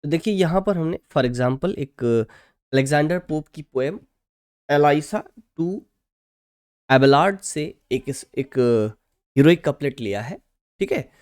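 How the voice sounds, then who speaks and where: A teacher giving an online lecture who keeps stopping for short check-ins and reads out English terms slowly, syllable by syllable. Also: mid-range voice, lively intonation, darkish tone. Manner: checks in often with short confirming asides.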